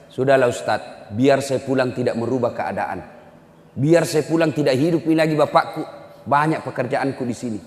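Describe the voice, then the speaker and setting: A man's voice: medium pitch, normal speed, natural voice. A man with a Makassar accent voicing a cold, busy rich son who brushes off his father's funeral. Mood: dismissive. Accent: Makassar Indonesian. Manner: dismissive and offhand. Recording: echoey hall.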